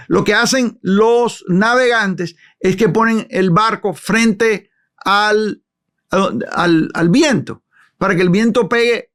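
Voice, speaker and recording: A man from the Caribbean giving a verse-by-verse Bible study, reading scripture aloud and then explaining it in an unhurried teaching tone. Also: sits high, fairly bright tone.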